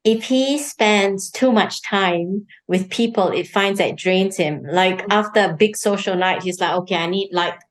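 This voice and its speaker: A woman's voice: mid-range voice, measured pace, hardly any pauses, rough recording. A cheerful, giggly middle-aged woman from Singapore, chatting as a guest in an interview. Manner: cheerful, giggly, laughs easily. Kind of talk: casual interview chat.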